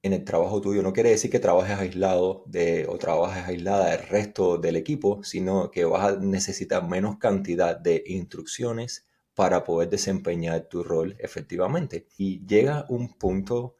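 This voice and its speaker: A guest engineer from Cuba, with a Cuban Spanish accent, answers interview questions thoughtfully and explains things, sometimes restarting his sentences. His voice sits low, mellow, at normal speed.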